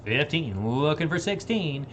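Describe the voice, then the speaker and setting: A man's voice: fairly high pitch, very animated, unhurried, slight background noise. A man working as an auctioneer, repeating numbers in a bid chant and talking informally to bidders. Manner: informal, plain-spoken.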